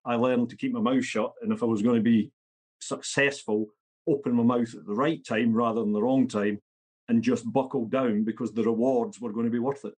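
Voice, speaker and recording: Speaking briskly and steadily, this medium-pitched male voice is a little mellow with a breathy edge. He's a Scotsman in his fifties appearing as a podcast interview guest, and he talks in a blunt, matter-of-fact way.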